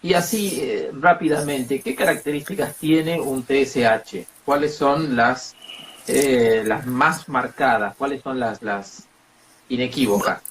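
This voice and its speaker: A man leads the conversation, mostly nodding along with quick affirmations before posing short, direct questions. His voice sits at an ordinary middle pitch. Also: slight background noise. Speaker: host. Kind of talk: interview conversation.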